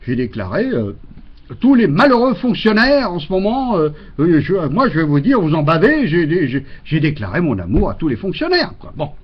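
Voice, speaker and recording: A man's voice: a little high, wildly swooping pitch, normal speed, slightly rough. A man doing a rambling, exasperated comic monologue into a webcam at home, full of fillers and mock rants. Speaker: comedian. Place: home, indoors. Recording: dull lo-fi webcam audio.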